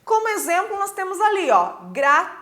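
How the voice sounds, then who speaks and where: High, lively Brazilian woman teacher. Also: fairly quick. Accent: Brazilian Portuguese. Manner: patient, explanatory, often checks understanding with tag questions. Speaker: Portuguese teacher. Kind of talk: recorded classroom lesson.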